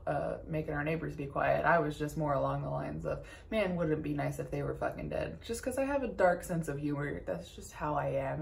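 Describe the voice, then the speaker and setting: A woman's voice: deep voice, vocal fry. A young woman from Texas talking candidly through grief in a tearful, shaky voice, swearing often as she rambles. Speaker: vlogger. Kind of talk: personal confessional talk.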